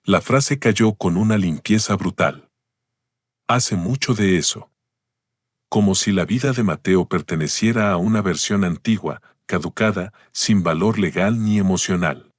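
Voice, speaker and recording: A man narrating a scripted family drama story in a calm, measured way. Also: low voice, dry recording, clean studio sound.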